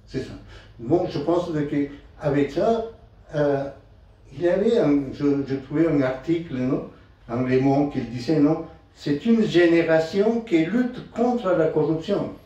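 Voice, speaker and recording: A man with a foreign Spanish accent in French, improvising a political talk in halting, broken non-native phrasing. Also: a little high, mellow. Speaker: speaker at a political meeting. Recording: distant, echoey, dull muffled sound.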